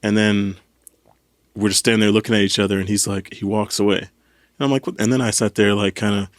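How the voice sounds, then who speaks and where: A man's voice: fairly low pitch, a little fast, dry recording. A man casually telling a story on a podcast, acting out what people said. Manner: animated storytelling, acts out quotes. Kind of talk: casual chat.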